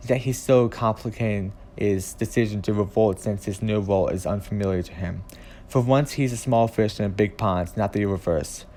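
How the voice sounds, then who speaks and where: A man narrating a scripted video essay in an earnest, deliberate and emphatic way. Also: on the low side, dark tone.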